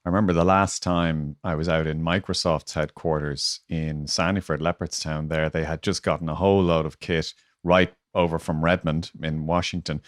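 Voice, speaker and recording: Deep-voiced man interviewing. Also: no echo, clean studio sound. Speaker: interviewer and show host. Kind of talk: conversational interview. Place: online video call.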